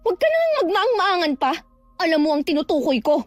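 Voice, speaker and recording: A wronged young woman, voiced by a woman in an audio drama, accusing and shouting in a very high, swooping voice. The recording is dry and close, with soft music behind her. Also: very animated, a little fast, no room sound. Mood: furious. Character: wronged young woman who worked abroad, furious.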